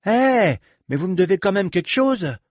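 A man's voice: a little high, moderate pace, dry recording, clean studio sound, pitched above the performer's own voice, natural voice. A man voicing a cheeky, greedy street boy in an audiobook, slangy and whining when cornered. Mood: cocky. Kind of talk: audiobook character voice.

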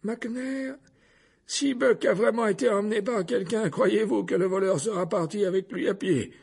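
A man's voice: fairly high pitch, big pitch swings, slow pace, breathy edge, voice pushed up, full character voice. A man voicing an amused, wise old male wizard headmaster in an audiobook. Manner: gently amused.

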